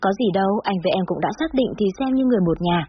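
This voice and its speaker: A woman's voice: medium pitch, expressive, racing, husky, highs cut off. A woman voicing a kind, devoted young man who speaks reassuringly. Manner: warm, reassuring.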